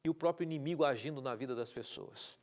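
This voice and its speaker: Speaking fast in a medium-pitched, somewhat dark voice, this Brazilian Portuguese-accented pastor teaches a Bible study on TV from a studio. Earnest, he repeats key words and poses rhetorical questions, and he reads viewers' messages aloud, greetings included.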